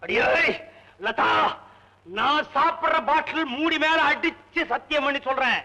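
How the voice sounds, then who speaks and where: A man's voice: very high voice, measured pace, sharp tone, exaggerated voice, low-quality recording. An actor playing a comic drunken male servant who whines and wails for liquor, in old film comedy style. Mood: comic scolding. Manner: whiny, wailing comic complaints. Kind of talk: 1960s Tamil film comedy acting.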